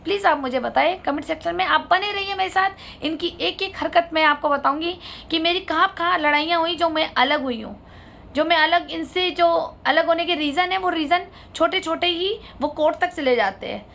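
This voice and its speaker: A woman's voice: very high voice, normal speed, gravelly, fairly bright tone. A woman vlogger telling her own family story to viewers, indignant and asking them to judge. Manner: indignant, appeals to viewers for their judgment.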